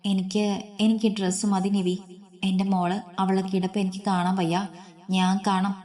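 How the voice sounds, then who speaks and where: A woman's voice: mid-range voice, level tone, normal speed, darkish tone, natural voice. A woman voicing an anxious young mother who speaks tenderly and pleads through tears. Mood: tearful.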